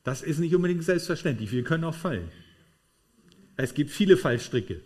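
Emphatic German-speaking preacher, fairly high voice. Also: male voice, lively intonation, moderate pace, a little mellow. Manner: emphatic, addresses congregation with tag questions. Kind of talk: sermon. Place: room with a congregation.

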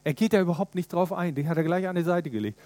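Fairly high-voiced male preacher. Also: quick pace. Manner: lively, retelling and questioning the listeners. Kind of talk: sermon.

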